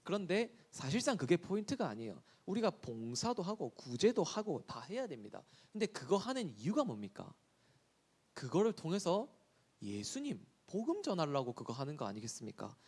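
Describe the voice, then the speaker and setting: A man gives a sermon to a children's group. His voice sits somewhat high and swings widely in pitch as he asks questions and answers them. He slows down when quoting scripture. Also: wildly swooping pitch, darkish tone, breathy edge. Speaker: children's ministry preacher.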